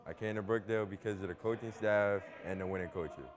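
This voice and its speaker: A young man from New Jersey, a college basketball player, introducing himself in a rapid, offhand delivery. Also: lowish voice, steady tone, a crowd in the background. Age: young adult. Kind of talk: scripted self-introduction.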